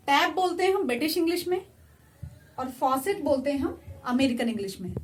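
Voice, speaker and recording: A woman teaching vocabulary beside a whiteboard, patiently repeating each word, with slow, careful English asides. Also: high voice. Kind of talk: explaining vocabulary to viewers.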